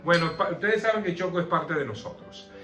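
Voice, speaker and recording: In an echoey room with soft music playing behind him, a man leads a conversational Bible study, explaining the passage and putting questions to his listeners. His voice sits on the high side and moves briskly.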